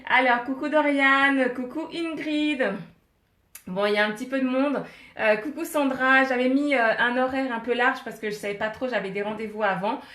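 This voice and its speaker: A woman's voice: high voice, moderate pace, a bit bright, echoey room. A woman hosting a casual live stream from her home office, holding her phone in her hand, chatting with viewers, greeting them by name and laughing often. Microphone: phone held in hand.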